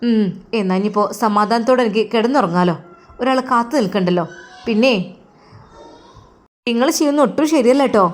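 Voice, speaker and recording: A woman voicing a resentful young wife, speaking in a sharp, reproachful way. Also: fairly high pitch, brisk, pauses often, close to an everyday voice.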